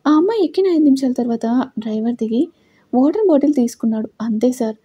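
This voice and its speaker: A deferential hired man reporting what he saw, polite and matter-of-fact, voiced by a woman. Dark, husky tone, dry sound. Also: sits high, animated, quick pace, no echo. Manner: respectful, reporting. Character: hired male tracker, deferential.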